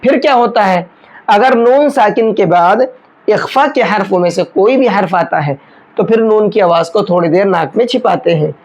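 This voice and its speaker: A woman teaching Quran tajweed step by step, patiently explaining letters and chanting verses slowly. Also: mid-range voice, darkish tone, rough recording. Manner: slow, patient explanations with drawn-out chanted recitation. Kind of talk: step-by-step recitation lesson.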